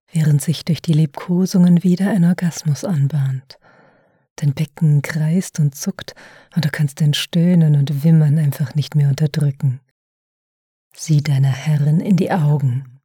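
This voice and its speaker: A woman's voice: deep voice, dark tone, breathy edge, no echo. A woman narrating a second-person audio story in an intimate, often unvoiced whisper, close to the mic.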